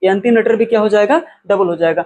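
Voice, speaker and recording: High-voiced man teaching a slow lesson. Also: darkish tone. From India. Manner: repeats key words slowly, asks and answers his own questions. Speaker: English teacher. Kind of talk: explanatory spoken lesson.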